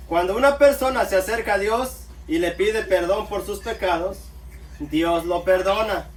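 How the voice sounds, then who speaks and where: A man preaching a sermon, calling his listeners brothers and answering himself with amen. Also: high-pitched. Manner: addresses listeners as brothers, calls out amen often. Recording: echoey room, mic far off, faint background noise.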